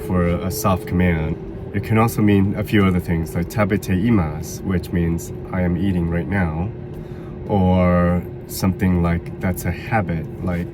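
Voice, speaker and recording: A man casually talking through a travel vlog, relaxed and reflective, explaining things step by step. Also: low-pitched. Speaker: vlogger. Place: in a car on a road trip. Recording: steady vehicle noise.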